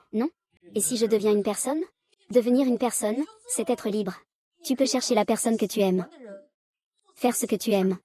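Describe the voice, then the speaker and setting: A woman's voice: medium pitch, darkish tone. A woman reading the dialogue of a dubbed drama, voicing every part in the same unchanging voice. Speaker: voice-over reader of a drama recap.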